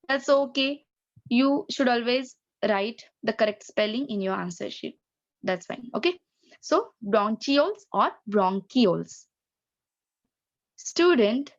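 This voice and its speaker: A woman teacher with an Indian accent, giving an online science lesson, explaining slowly and repeating key terms. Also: on the high side, muffled recording. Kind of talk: online class lecture.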